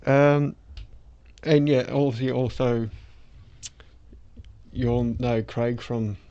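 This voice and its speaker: A man's voice: medium pitch, steady tone, slow pace, clean tone. A toothless Australian man chatting casually as a podcast host through a face mask, explaining things in a rambling way. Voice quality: toothless, soft-edged speech. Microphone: speaking through a face mask. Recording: dull lo-fi sound.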